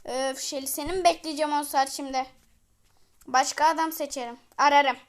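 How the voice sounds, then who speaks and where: High-pitched woman yelling at her game, repeats words over and over, chats to viewers like friends. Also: fairly even intonation, fairly quick. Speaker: gamer and channel host. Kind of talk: live gameplay commentary.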